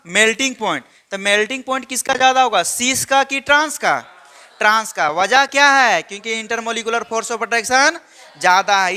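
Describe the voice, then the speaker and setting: A man's voice: high voice, pushed and bright, smooth. A man lecturing a chemistry class, constantly quizzing his students with repeated questions. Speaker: chemistry teacher.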